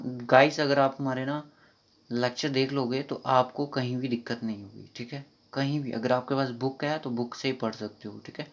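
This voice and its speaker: A man with a Kashmiri accent runs an online grammar class in a mid-pitched voice, explaining fast and informally. He slows right down whenever he reads an English sentence aloud. The recording is dull and lo-fi. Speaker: exam prep teacher.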